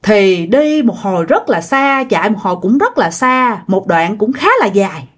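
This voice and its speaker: A woman's voice: mid-range voice, sing-song, moderate pace. A woman with a Southern Vietnamese accent telling a ghost story in a chatty way, talking straight to her listeners. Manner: chatty, addresses listeners directly, many fillers. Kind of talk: casual ghost-story narration.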